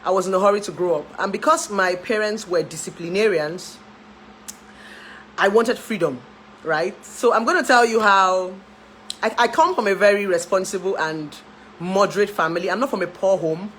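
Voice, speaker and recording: Nigerian woman, 30s, relationship therapist, chatty livestream, mid pitch, faint hum behind. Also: normal speed, fairly bright tone, poor audio. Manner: chatty, laughs often, dips into pidgin. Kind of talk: casual chat to camera.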